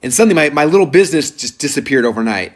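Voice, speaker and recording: A man in his thirties with a fairly high-pitched voice races through a live sales webinar. He tells a story energetically and ramblingly, packing it with filler words.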